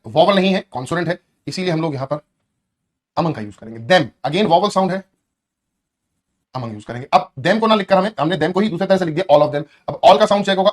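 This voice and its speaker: Male teacher, classroom lesson; fairly high voice, rapid delivery, keeps quizzing the class. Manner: explains patiently, often asks the class questions. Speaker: English teacher.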